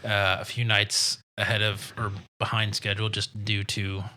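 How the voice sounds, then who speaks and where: A man's voice: fairly low pitch, flat delivery, normal speed, pushed and bright. A man hosting a podcast in casual chat, joking and chatty, with some stumbles. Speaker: podcast co-host.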